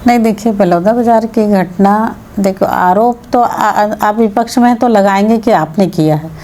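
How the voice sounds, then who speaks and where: A woman politician answers an interviewer in a firm, argumentative way, often firing back with pointed questions. Her voice is mellow and on the darker side. A faint hiss of noise sits under the recording. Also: medium pitch, moderate pace. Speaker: MLA, interview guest.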